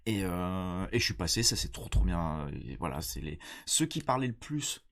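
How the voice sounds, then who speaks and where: A man with a stuffy, nasal voice from a cold, chatting casually and explaining things in a halting, slangy way. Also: low-pitched, very animated, gravelly, a bit bright. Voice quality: congested, nasal. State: blocked nose from a cold. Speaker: stand-up comedian.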